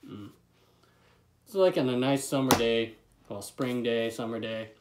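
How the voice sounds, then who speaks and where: A man's voice: medium pitch, a little slow, very noisy. Laid-back man talking around a lip full of dip. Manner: laid-back, swearing freely. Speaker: product reviewer. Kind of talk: casual vlog review. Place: small bedroom, indoors.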